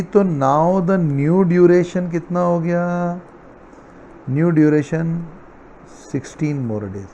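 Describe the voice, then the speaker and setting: A man's voice: fairly high pitch, mellow, a little hiss or hum. A middle-aged man teaching a math class, telling a playful story and acting out its characters. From India. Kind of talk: classroom lecture.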